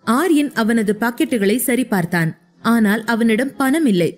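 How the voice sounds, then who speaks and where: A woman narrating a scripted audio story in a steady, even reading voice. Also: on the high side, normal speed.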